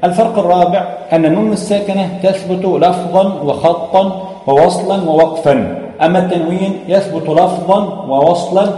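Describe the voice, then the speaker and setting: A man's voice: sits high, mellow. Man teaching in an echoey hall. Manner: measured, explains with many hesitations, chants verse. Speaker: Quran recitation teacher. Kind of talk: explanatory lesson on tajweed. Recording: echoey room with long reverb.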